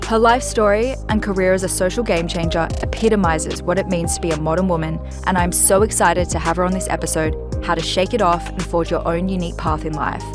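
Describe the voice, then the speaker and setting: A woman's voice: on the low side, steady tone, a little fast, few pauses. A woman hosting a podcast, introducing her guest and asking questions with polished enthusiasm. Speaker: podcast host. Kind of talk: scripted intro and interview questions. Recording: music bed under the voice.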